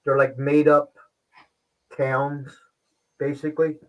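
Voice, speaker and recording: A man hosting a casual livestream show, talking with frequent pauses and restarts. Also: on the high side, level tone, low-quality recording. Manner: halting, pauses and restarts often. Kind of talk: casual live-stream talk.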